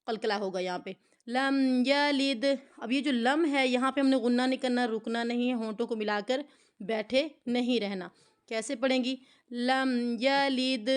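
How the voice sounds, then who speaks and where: High, smooth-voiced woman teaching recitation. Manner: patient, explains each rule and then recites slowly for students to repeat. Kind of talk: online recitation lesson.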